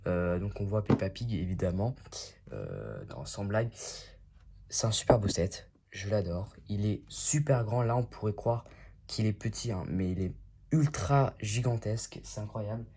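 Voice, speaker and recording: A man's voice: fairly low pitch, lively intonation, moderate pace, creaky, warm tone, slightly rough. A man hosting a casual unboxing vlog, talking in a chatty and enthusiastic way. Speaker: YouTube host.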